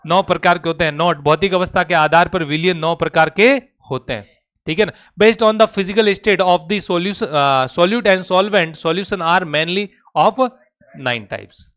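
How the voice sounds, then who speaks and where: A male teacher giving a classroom lecture, firing quick questions at his students and coaxing answers out of them with a familiar, urging manner. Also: sits high, a bit bright, clean tone. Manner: drills students with rapid questions; coaxing, calls students "beta".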